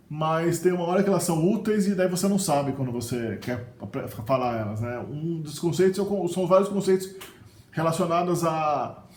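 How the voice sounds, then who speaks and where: A man's voice: fairly high pitch, a little mellow, slight background noise. A middle-aged man with a Brazilian Portuguese accent, giving a casual video lesson on vocabulary, often tagging sentences with a questioning "né?". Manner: chatty, often adds "né?". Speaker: language teacher. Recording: roomy echo with faint ambience.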